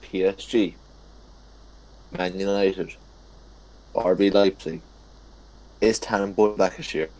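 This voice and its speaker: A young man co-hosting a casual podcast chat, halting and tripping over his words as he reads out facts. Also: deep voice, fairly even intonation, dark tone, rough recording. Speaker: podcast co-host. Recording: faint background noise.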